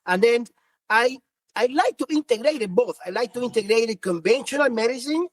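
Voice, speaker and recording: A man's voice: extremely high pitch, expressive, a little fast, dry recording. A man in his fifties from Cuba with a Cuban Spanish accent, Spanish his first language, a physician answering earnestly in a podcast interview with many restarts. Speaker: physician guest.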